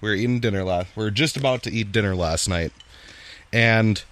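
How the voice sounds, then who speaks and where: A man's voice: lowish voice, brisk, a bit bright. A man hosting a podcast outdoors on a patio, chatting casually and rambling, often restarting his sentences. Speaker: podcast host. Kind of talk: casual chat.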